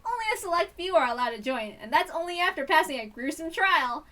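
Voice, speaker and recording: A woman's voice: sits high, animated, fast talker, sharp tone, distant mic, pitched above the performer's own voice. A woman playing a swaggering, teasing teenage girl who leads a school club, heard a bit off-mic. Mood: challenging. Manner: swaggering, challenging.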